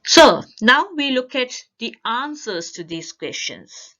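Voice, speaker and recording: A woman giving a language lesson, explaining grammar step by step with careful, deliberate phrasing. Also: on the high side, very animated, pushed and bright, dull audio. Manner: careful, deliberate word-by-word delivery. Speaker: language teacher. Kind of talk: slow instructional explanation.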